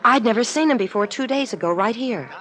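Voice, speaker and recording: A woman voices a nervous young woman stranded in a 1950s-style radio drama, confessing in an earnest, pleading, apologetic manner. Her voice is fairly high, a bit bright, and animated, and she talks fairly quickly.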